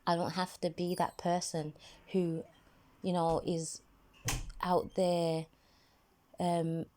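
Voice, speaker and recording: Soft-spoken woman, low mellow voice. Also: completely flat delivery, takes it slowly, a little hiss or hum. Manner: conversational, many fillers, soft-spoken advice. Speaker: ministry video host. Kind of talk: casual spoken devotional talk.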